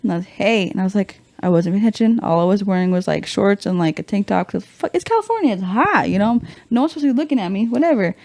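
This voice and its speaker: A woman's voice: medium pitch, fast, hardly any pauses, a little mellow, dry recording. A woman in her twenties, a podcast guest, telling a story in loose, profane chat full of "like" and "you know". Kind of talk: casual storytelling.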